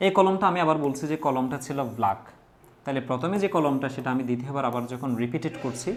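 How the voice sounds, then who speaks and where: A man teaches English grammar to exam students, in a middle-pitched voice. He keeps asking his class questions and then answers them himself. He slows down to read out example words one at a time. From Bangladesh.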